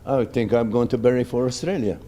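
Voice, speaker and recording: An older man talks in a casual, conversational way. His voice is mellow and dark, at a middling pitch. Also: a little fast. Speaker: club member. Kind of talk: casual chat.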